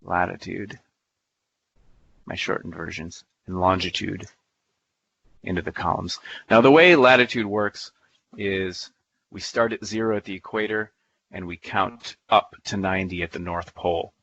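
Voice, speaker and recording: Folksy man demoing software, lo-fi sound. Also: low voice, unhurried, vocal fry, pauses often. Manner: playful, folksy, thinking aloud. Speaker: presenter. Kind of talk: live software demo talk.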